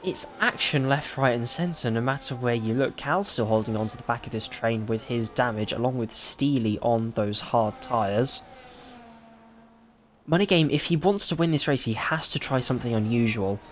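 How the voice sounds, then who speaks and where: A man calls a live sim racing broadcast as lead commentator, firing off excitable play-by-play. His pitch sits in a middle range. Faint background noise hangs under his voice. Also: normal speed.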